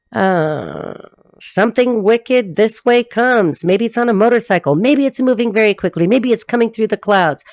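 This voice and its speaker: A woman's voice: on the high side, animated, moderate pace, a little mellow, dry recording. A middle-aged woman giving a casual, rambling tarot reading to camera, laughing often as she talks. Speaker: tarot reader.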